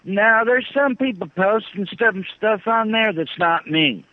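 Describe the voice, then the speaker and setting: A man calling in to an interview over a phone line, talking in a halting, earnest way and often repeating himself. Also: high-pitched, animated, no room sound. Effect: phone line, heard over the phone. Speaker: phone-in guest. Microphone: telephone, satellite phone. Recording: tinny narrow-band phone line.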